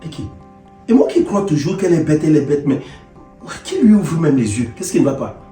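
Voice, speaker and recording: A man plays a domineering husband who lectures and barks at his wife, his high voice climbing into shouts. He sounds distant and roomy, as if from an echoey room away from the mic. Light music plays behind him. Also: expressive, normal speed. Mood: muttering. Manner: blustering, hectoring, rising to shouts. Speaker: husband in a comedy web series.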